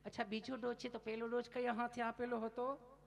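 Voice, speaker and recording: A man voicing a polite, curious woman nurse who asks gentle questions at a vaccine clinic. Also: extremely high pitch, monotone, fairly quick, gravelly. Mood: sweetly curious.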